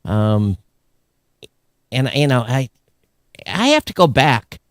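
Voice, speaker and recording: A man's voice: medium pitch, sing-song, slow, no room sound, studio quality. A man co-hosting a live podcast, rambling and grumbling like an old curmudgeon while he chats and reads out listener comments. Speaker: podcast co-host.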